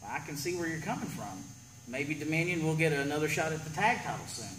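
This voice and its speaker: Casting: male host for wrestling promo segments, notably high voice, announcing and interviewing in an echoey room. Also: lively intonation, fairly quick, a bit bright. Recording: echoey room with faint background noise.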